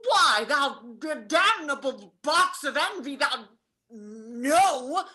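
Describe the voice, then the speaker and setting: A woman's voice: high-pitched, lively intonation, slow, pushed and bright, exaggerated voice. A woman playing a touchy, indignant young male companion in theatrical Shakespearean stage acting.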